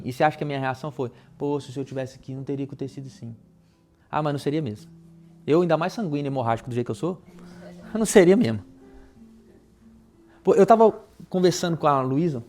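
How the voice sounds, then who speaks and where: Brazilian male pastor, live sermon in church, chatty and animated storyteller. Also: a little high. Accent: Brazilian Portuguese. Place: church before a congregation.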